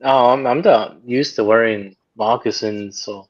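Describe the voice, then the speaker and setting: A man's voice: medium pitch, a little slow. A man guest chatting casually and hesitantly on a stream, with plenty of fillers. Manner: relaxed, hesitant, lots of fillers. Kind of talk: casual chat. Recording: muffled lo-fi call audio.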